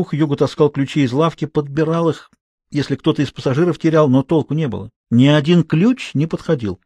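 Husky man narrating an audiobook. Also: on the high side, no echo. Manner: expressive storytelling.

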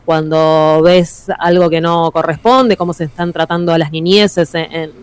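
Argentine accent, casual radio talk, relaxed, explanatory, smooth tone. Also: medium pitch, moderate pace. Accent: Argentine Spanish.

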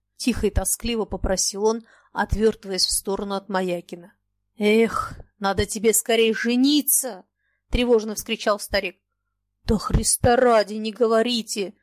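A woman reading a classic novel aloud as narrator, measured and expressive. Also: medium pitch, no echo.

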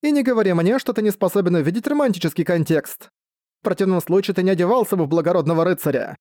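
Brief: man putting on a high, pleading, manipulative woman villain for an audiobook; persuasive and urgent. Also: quick pace, darkish tone, no room sound, clean studio sound, lightly acted. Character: manipulative, desperate female villain, charming. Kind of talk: audiobook reading.

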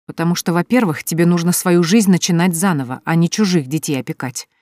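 A woman's voice: lowish voice, quick pace, a little mellow, no room sound, studio quality, natural voice. A woman doing a teasing, coolly lecturing young woman. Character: sharp-tongued practical young woman friend.

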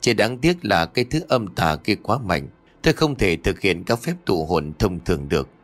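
A man voicing a stern old male exorcist master in an audio ghost story, speaking urgently and gravely. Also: low-pitched, sing-song, normal speed.

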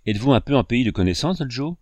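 Flustered frontier guide read by a man, agitated, calls out loud, dry. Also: medium pitch, animated, fast, no echo, lightly acted.

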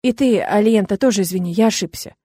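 A woman's voice: mid-range voice, quick pace, warm tone, husky, dry recording, lightly acted. A woman reading the lines of a tense, impulsive young male necromancer who talks urgently and often through clenched restraint. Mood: apologetic.

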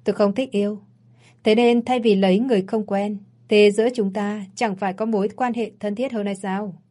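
A woman's voice: medium pitch, fairly even intonation, normal speed, mellow, close to an everyday voice. A woman voicing a cold, cocky rich man in glasses, mocking and domineering, in a read-aloud story.

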